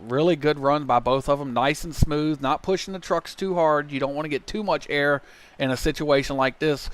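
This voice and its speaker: A man doing play-by-play commentary from a booth at a motorsport event, chatty and getting excited when trucks crash. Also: on the high side, normal speed. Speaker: race commentator. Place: commentary booth at a fairground track.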